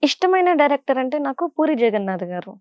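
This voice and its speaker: Chatty young woman, slightly high voice. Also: quick pace, dry recording, dull audio. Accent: Godavari Telugu. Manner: chatty and animated, with frequent fillers. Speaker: serial actress, interview guest. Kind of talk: casual interview answers.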